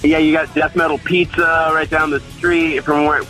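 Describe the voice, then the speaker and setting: A man's voice: a little high, level tone, moderate pace, pushed and bright, soft background music, low-quality recording. A man, a touring band member, chatting loosely in an interview with lots of fillers. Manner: laid-back, loose, full of fillers and restarts. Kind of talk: casual interview chat.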